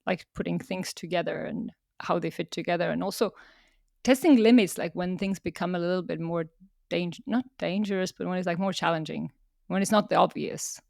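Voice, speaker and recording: A woman's voice: lowish voice, fairly quick, vocal fry, a little mellow, no room sound, studio quality. A woman from Estonia, a podcast guest telling stories in casual talk and laughing often.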